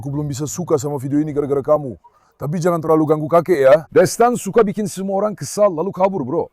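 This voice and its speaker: A man with a somewhat high voice speaks in a casual vlog, coaxing his dogs to come and chatting to viewers in between. The sound is dry and close, with no room echo. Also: darkish tone. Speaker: farm owner and dog keeper.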